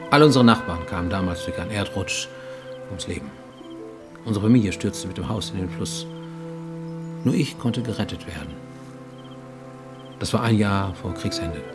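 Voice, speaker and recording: In a German radio play, a male actor with a fairly low voice portrays a haunted middle-aged Japanese fugitive. His delivery is formal and intense, sometimes sinking to a near whisper.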